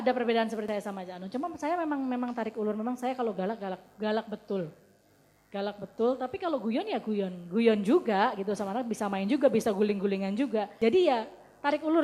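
A woman's voice: on the high side, a little mellow. A woman, a mother and guest speaker, telling anecdotes to an audience and quoting her children in a firm, plain way. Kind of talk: casual talk to audience. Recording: long hall reverb.

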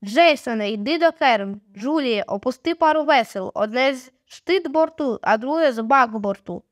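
A woman's voice: sits high, animated, moderate pace, no room sound, studio quality. A woman voicing a bossy young boy captain who barks orders at his friends. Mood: commanding. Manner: commanding, impatient shouting.

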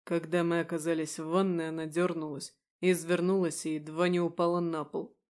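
A man reads a first-person audiobook story in a flat, even voice that barely rises or falls. His delivery stays level and steady. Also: on the high side, fairly quick, clean tone. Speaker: audiobook narrator.

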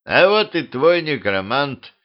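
A man voicing a confident middle-aged colonel with a brisk, commanding manner. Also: medium pitch, sing-song, lo-fi sound, pitched above the performer's own voice.

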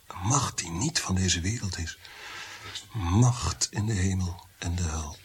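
Playing a bitter, God-fearing prince-composer tormented by his fate, a male radio-play actor speaks in a low voice at a measured pace, fervent and brooding, with theatrical flair and occasional sinks into whispers. Slight background noise is present.

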